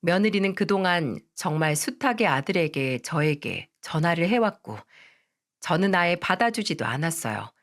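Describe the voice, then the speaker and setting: A woman narrating a first-person radio story in a calm, measured way. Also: lowish voice.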